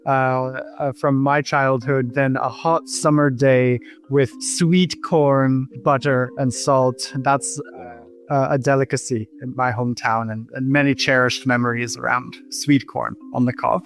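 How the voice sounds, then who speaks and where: A man speaks as a podcast guest in an articulate, polished way. His voice sits in a middle range, with soft music faint behind. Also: mid-range voice, flat delivery, a little slow. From United States.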